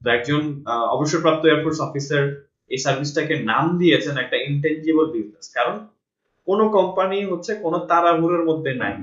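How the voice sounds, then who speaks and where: A man's voice: a little high, a bit bright. A man with a Bangladeshi accent teaching an online English class, patiently correcting a student's reading and explaining in Bengali. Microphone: online call. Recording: roomy, dull online call audio.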